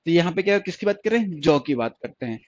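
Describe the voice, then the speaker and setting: High-voiced male teacher. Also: expressive, fast talker, darkish tone, highs cut off. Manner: repetitive, asks questions and answers them himself. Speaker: stenography teacher. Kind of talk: online class lesson.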